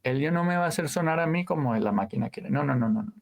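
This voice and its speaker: Gravelly man, animated storyteller. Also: fairly high pitch, fast. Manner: animated storyteller, uses sound words and trailing asides. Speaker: guest, audio engineer. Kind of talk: casual interview chat.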